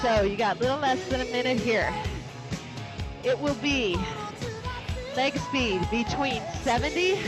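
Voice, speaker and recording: A woman's voice: on the high side, lively intonation, measured pace, pauses often. A woman instructing an indoor cycling class, encouraging and commanding as she calls out cues and countdowns. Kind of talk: motivational fitness class coaching. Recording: loud music over the voice. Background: loud pop workout music.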